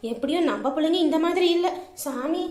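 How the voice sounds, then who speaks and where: A woman's voice: sits high, brisk, a little mellow, natural voice. A woman acting as a gossiping neighbor who mocks the family in a comedy skit. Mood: gossipy. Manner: gossipy, mocking. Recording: roomy echo.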